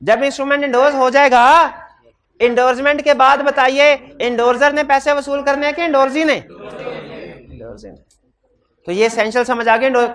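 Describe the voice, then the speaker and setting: A man teaching law in a hybrid classroom. He has a sore throat, speaks loudly into a microphone, and keeps putting questions to his students. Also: extremely high pitch. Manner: quizzes students with repeated questions. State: throat trouble, talking loudly. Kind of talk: classroom lecture.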